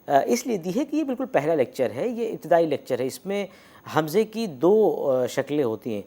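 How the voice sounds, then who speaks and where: Guy lecturing on script, pitch jumps around a lot, lots of "uh" pauses. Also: mellow. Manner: explains slowly with many hesitations and demonstrated sounds. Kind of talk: academic lecture on script and pronunciation.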